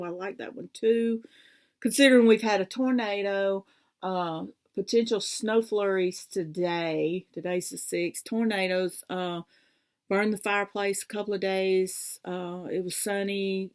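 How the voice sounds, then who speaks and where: A woman hosting a casual crafting vlog, rambling and easily sidetracked, with many fillers. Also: medium pitch. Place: home craft room.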